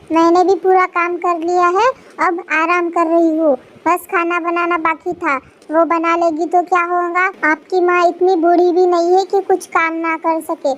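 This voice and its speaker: A proud young bride who talks back with scornful, quick comebacks, as a woman puts her on. The voice sits very high. It sounds like a cartoon storybook. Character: proud, sharp-tongued young wife.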